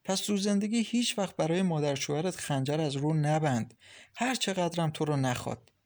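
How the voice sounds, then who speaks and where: In this audiobook, a man doing a caring young woman talks on with friendly, insistent advice, her voice pitched up high. She sounds reassuring and a little preachy. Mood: advising. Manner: lively, reassuring, lecturing kindly. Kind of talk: audiobook character reading.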